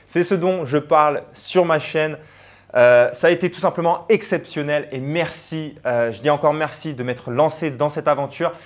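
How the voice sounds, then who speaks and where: A man's voice: on the high side, normal speed. A young man, a personal branding coach, talking earnestly and directly to the viewer in a motivational vlog, with frequent fillers. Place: abroad on travel.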